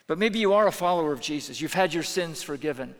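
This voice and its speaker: A man preaching a sermon as pastor, earnest, moving between hushed pleading and raised intensity. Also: a little high, expressive, quick pace, in a large hall. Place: church sanctuary.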